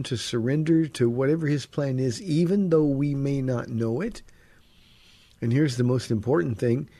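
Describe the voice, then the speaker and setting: A man teaches the Bible on a call-in radio program he hosts as a pastor, chatting casually and using lots of fillers. He's under the weather, so his slightly rough voice runs deeper than normal; the studio sound has no echo.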